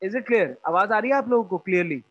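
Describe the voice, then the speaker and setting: A man with an Indian English accent lectures over a video call, mixing Hindi and English and pausing to quiz his students. His voice sits fairly high for a man. The sound is dull and lo-fi, with faint music underneath. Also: expressive. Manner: mixes English and Hindi, asks students questions. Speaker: teacher. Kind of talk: online class lecture. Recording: dull lo-fi online class audio.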